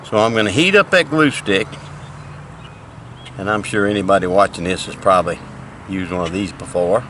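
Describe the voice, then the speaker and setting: A man's voice: low voice, moderate pace, fairly bright tone, a little hiss or hum. An older retired man, chatting casually in a folksy, plain-spoken way as he fishes and demonstrates things outdoors by a lake. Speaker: fishing vlogger.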